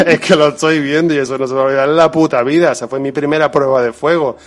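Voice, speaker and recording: A man from Spain, co-hosting a casual podcast, telling lively stories about his effects work, swearing freely and laughing often. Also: a little high, fast talker. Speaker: podcast co-host, creature effects painter. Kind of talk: casual podcast chat, storytelling.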